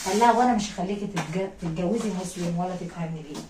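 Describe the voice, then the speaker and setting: A woman's voice: fairly low pitch, racing, roomy sound, recorded from a distance, background noise, natural voice. A woman playing a possessive Egyptian jinn king. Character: possessive male jinn king, obsessive lover.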